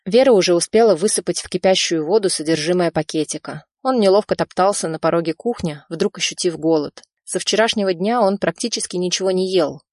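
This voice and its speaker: Woman narrator, lower voice, measured scripted reading, dry close sound. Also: a little mellow, dry recording. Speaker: audiobook narrator.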